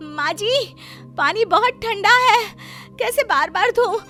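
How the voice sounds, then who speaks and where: A woman's voice: very high-pitched, lively intonation, unhurried, bright, forceful tone, faint music behind, pitched above the performer's own voice, heavily acted. A woman voicing a young daughter-in-law with a cold, pleading and complaining, in a cartoon story.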